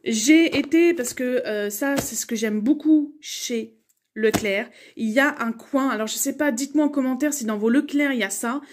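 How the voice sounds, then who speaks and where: A woman's voice: sits high, moderate pace, a little hiss or hum. A young adult woman chatting casually through a shopping haul video, rambling with many fillers and restarts. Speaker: vlogger.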